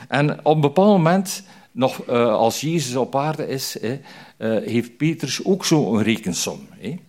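A man's voice: medium pitch, expressive, unhurried, a little mellow. An older man preaching an informal sermon, chatty and full of fillers and tag questions. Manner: chatty, frequent "hè" tags and fillers. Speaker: prison chaplain preacher.

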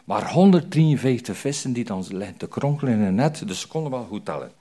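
A man's voice: mid-range voice, very animated, fairly quick, dark tone. An older man preaching an informal sermon, chatty and full of fillers and tag questions. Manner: chatty, frequent "hè" tags and fillers. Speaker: prison chaplain preacher.

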